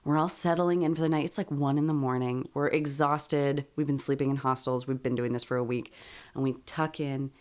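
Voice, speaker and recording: A woman co-hosting a podcast, chatting casually, telling lively stories, laughing often and swearing freely. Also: rumbling low, a little fast. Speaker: podcast co-host. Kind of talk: casual chat.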